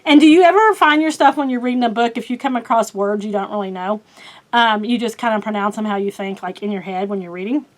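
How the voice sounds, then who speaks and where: Chatty Oklahoma woman with a high voice. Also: fast. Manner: chatty, rambling with many fillers, laughs at herself. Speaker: book vlogger. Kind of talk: casual chat.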